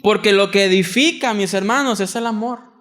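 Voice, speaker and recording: A young adult man with a Mexican accent preaching a sermon in a church, earnest, moving from loud emphatic reading to soft quiet asides. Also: high voice, normal speed. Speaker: pastor.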